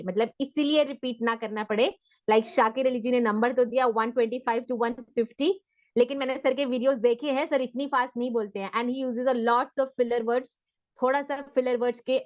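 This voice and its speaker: Encouraging female speaking coach, higher voice. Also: highs cut off. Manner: mixes Hindi and English, encouraging. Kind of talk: online class session.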